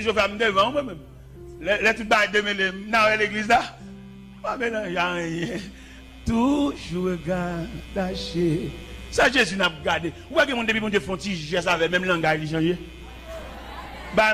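Impassioned preacher, high bright voice. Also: male voice. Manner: impassioned, rising to shouts and short sung lines. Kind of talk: sermon.

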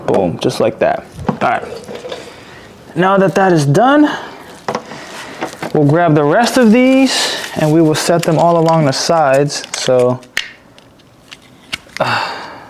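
A man's voice: fairly high pitch, big pitch swings, slow, long pauses, slight background noise. A young man casually talking through a DIY car repair as he works, laid-back and swearing now and then. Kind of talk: casual hands-on narration.

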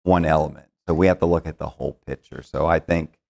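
A middle-aged man with a low, gravelly voice talks in a TV studio interview. He tells stories in a rambling way, restarting his sentences and acting out the lines he quotes. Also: fairly even intonation, quick pace, a little mellow. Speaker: financial planner, show founder. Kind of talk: casual studio interview storytelling.

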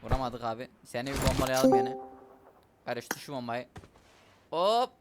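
A young man giving live commentary on a shooter game, excitable, shouting and muttering at enemies. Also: medium pitch, moderate pace, over loud music. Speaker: gamer streamer. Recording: loud gunfire over the voice. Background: game gunfire and vehicles.

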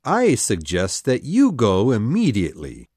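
A woman voicing a cruel, bullying male pirate captain in a storybook reading, drawing out her threats slowly. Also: very deep voice, huge pitch swings, no room sound, clean studio sound, pitched below the performer's own voice, full character voice. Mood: threatening. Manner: growling threats, slow and drawn out.

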